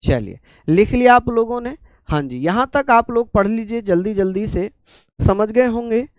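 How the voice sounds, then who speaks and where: A man from India with a sore, infected throat, teaching a live online class slowly and calmly, repeating points and asking his students questions. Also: high voice, no echo.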